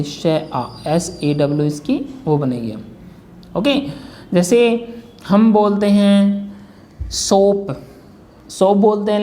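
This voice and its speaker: A man's voice: high-pitched, darkish tone. A man teaching a shorthand lesson, patiently walking through examples step by step and repeating himself. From India. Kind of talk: classroom lesson.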